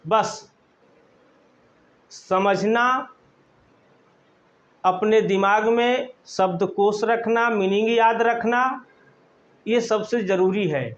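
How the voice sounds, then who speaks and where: A man with a Hindi accent teaches grammar, speaking very slowly and repeating each phrase as if dictating notes. His voice sits fairly high for a man. The recording sounds dull and lo-fi. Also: steady tone. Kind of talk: classroom grammar lesson.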